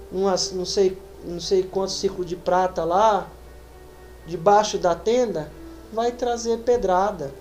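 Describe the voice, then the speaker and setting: A woman preacher with a Brazilian Portuguese accent, reading scripture slowly and then preaching with rising emphasis. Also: medium pitch, a little mellow. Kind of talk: sermon. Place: church.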